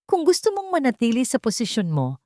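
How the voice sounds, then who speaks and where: A woman's voice: fairly high pitch, huge pitch swings, fairly quick, a little mellow, no echo, studio quality, pitched above the performer's own voice. A woman voicing a middle-aged male surgeon full of authority. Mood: commanding.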